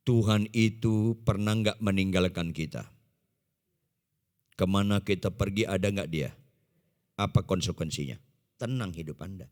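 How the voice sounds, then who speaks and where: A man preaching a sermon in speech, emphatic, shifting between loud and quiet and putting questions to the congregation. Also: lowish voice. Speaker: pastor. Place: large church hall. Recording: echoey church hall.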